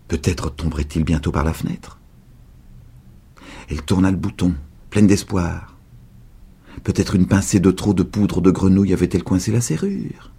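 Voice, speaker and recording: A man reading a story aloud for radio in a measured, dramatic way. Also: deep voice, vocal fry, mellow, husky. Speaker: narrator.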